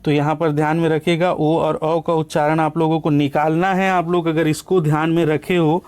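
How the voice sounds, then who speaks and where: A man teaching a lesson, asking questions aloud and answering them himself, often checking in with a quick "okay". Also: fairly high pitch, a little mellow, smooth. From India. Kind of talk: classroom lecture.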